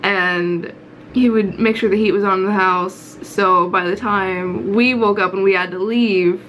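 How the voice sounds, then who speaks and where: Talking about her own visual novel in a casual vlog, a young American woman from Florida speaks candidly from a small indoor room at home. Her mid-range, slightly bright voice keeps fairly even intonation at a measured pace, over slight background noise in a low-quality recording.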